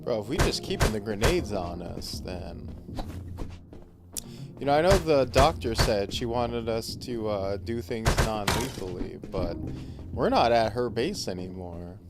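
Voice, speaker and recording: Guy streamer chatting casually over a game, lively pitch, loud music and engine behind. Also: a little slow.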